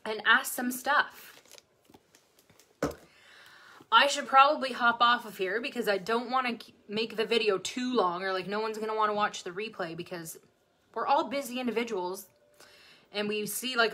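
Bubbly excitable woman tutor, bright voice. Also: mid-range voice, brisk. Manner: bubbly, excitable, talks to viewers. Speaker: nursing exam tutor. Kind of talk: Facebook Live chat answering comments. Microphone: phone or webcam, livestream.

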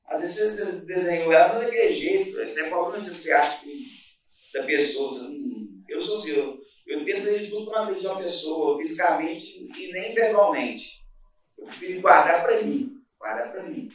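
A guest who owns a restaurant and bakery, speaking with a Brazilian Portuguese accent, recounts his journey in an informal interview. His fairly high voice is expressive and brisk, earnest yet rambling with frequent restarts, recorded from afar in an echoey room.

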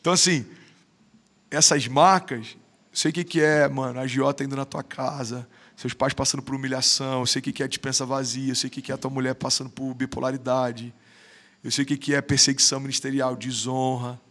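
The man speaks quickly in a mid-range voice with little pitch movement and a fairly bright tone. He's in his thirties, with a Brazilian Portuguese accent, guesting on a podcast and sharing stories casually. He sounds emphatic and slangy, and he can't stop saying "mano."

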